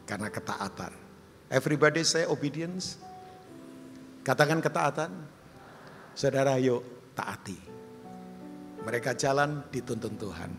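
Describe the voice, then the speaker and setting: Male pastor, sermon delivery; animated, wide pitch swings, bright tone, reverberant hall. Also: measured pace, long pauses, faint music behind. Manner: animated, jumps high for questions and quoted voices, drops low and soft for appeals; humorous storytelling with asides to the congregation. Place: large church hall.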